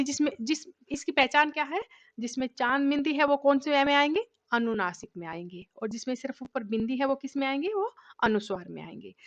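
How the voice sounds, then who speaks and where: A woman's voice: sits high, a bit bright, dull audio. A woman teacher giving a recorded grammar lesson, patiently asking questions and answering them herself.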